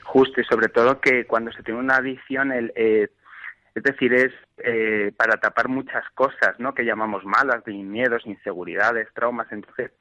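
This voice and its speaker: A man's voice: medium pitch, steady tone, normal speed, bright, forceful tone, no room sound. A man calling in to a radio show over the phone, speaking earnestly and hesitantly, with many fillers and restarts. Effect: heard over the phone. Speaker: radio call-in listener. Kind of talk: heartfelt phone-in comment. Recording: dull, dry phone line on radio.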